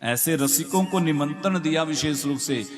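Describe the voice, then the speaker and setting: A man preaching a devotional sermon over a microphone with a heavy echo effect, quoting scripture and asking the audience questions. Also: a little high. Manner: rhetorical, asks the audience questions, slow and emphatic. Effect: heavy echo on the sound system. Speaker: Bhagavat katha preacher. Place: large devotional gathering with an audience. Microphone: microphone through a loudspeaker system. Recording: long echoing reverb with music playing.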